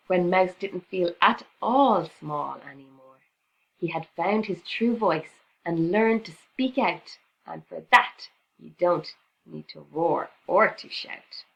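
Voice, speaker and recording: A woman reading a rhyming picture book aloud to children in an expressive, sing-song teacher's way. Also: on the low side, creaky, highs cut off.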